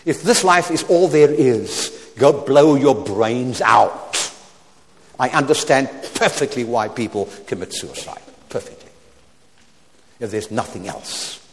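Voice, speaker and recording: Older male preacher, seventies, mid-pitched, swings loud to soft, stammers restarts, wry humor; long hall echo. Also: lively intonation, slow pace, slight background noise. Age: 70s. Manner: wide swings from loud exclamation to quiet aside, frequent stammered restarts; wry humorous asides with chuckles. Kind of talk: sermon.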